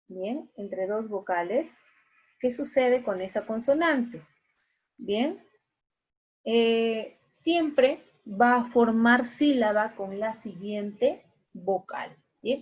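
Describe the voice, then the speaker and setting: A woman teaching an online class, patiently repeating key points and checking in with her students. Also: on the high side. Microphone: video call. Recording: muffled video-call audio.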